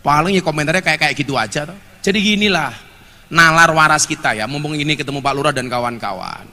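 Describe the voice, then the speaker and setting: A male preacher, his voice high and piercingly bright. He jokes and scolds the crowd in an animated sermon, and the sound rings with the long reverb of a public address system. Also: fast talker. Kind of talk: live sermon to a gathering.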